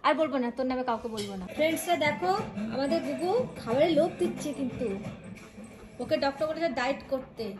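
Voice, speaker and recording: A woman's voice: high-pitched, fast, music in the background. A woman talking baby talk to her pet dog in a vlog, coaxing, scolding and cooing in a singsong way. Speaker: pet vlogger.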